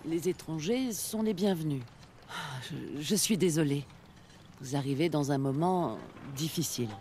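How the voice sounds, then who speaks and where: A woman's voice: low voice, measured pace, dark tone, slight background noise. An actress voicing a firm woman who leads a harbor town in a video game, giving orders with authority. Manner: firm, commanding. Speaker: game character.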